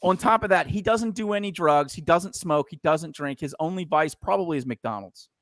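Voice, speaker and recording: A man with a fairly high voice trades rough, profane banter in a casual podcast chat. He tells stories with animated energy and breaks into laughter easily. The sound is close and dry. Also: normal speed, no room sound. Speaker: podcast co-host.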